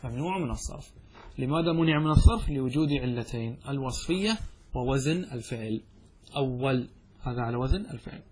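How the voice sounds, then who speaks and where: A man teaching a classical Arabic grammar lesson, who explains by asking and answering his own questions and recites verses slowly. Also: mid-range voice, animated, darkish tone, slight background noise.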